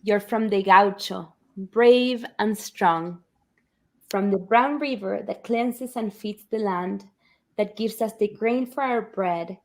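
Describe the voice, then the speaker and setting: A wise, loving old grandfather from a picture book, read aloud by a woman. He speaks slowly and tenderly at a middle pitch, with a gentle storybook lilt. The sound comes over a video call. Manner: slow, tender storybook reading.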